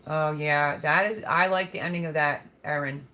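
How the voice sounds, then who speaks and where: A woman's voice: low-pitched, steady tone, normal speed, bright, forceful tone. A woman hosting a casual live chat, talking in a folksy, affectionate way as she reads and answers viewer comments. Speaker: livestream host.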